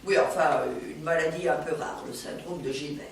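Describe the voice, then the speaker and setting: Deep-voiced with vocal fry, an actress takes the part of an exuberant older woman, formerly an actress, in a lively theatre comedy, speaking chatty, theatrical and quick-witted lines. Slight background noise and roomy, distant stage sound fill the recording.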